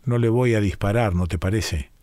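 A man's voice: fairly low pitch, moderate pace, mellow, no echo, clean studio sound. A man with a Rioplatense Spanish accent, performing a first-person story reading in a musing, colloquial way, his phrases often falling away. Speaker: reader performing a monologue.

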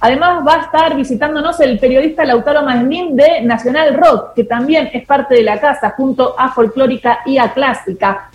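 A woman's voice: sits high, normal speed, few pauses, a little hiss or hum. A woman with an Argentine accent, hosting a radio show in casual on-air chat and running through the lineup of the day. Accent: Argentine Spanish. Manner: lively, announcing a program lineup. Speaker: radio host. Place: radio studio. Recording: roomy studio echo.

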